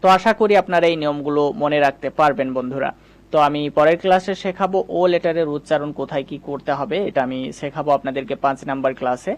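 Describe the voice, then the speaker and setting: A man's voice: on the high side, fast. A man teaching English spelling sounds in a patient, step-by-step spoken lesson, repeating each rule. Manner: patient, repetitive, explains step by step.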